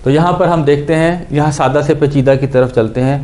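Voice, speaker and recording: A man teaching Quran recitation, patiently explaining and repeating syllables slowly to show how each letter sounds, with English words mixed in. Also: on the high side, a little mellow, slight background noise. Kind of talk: explanatory lesson on pronunciation.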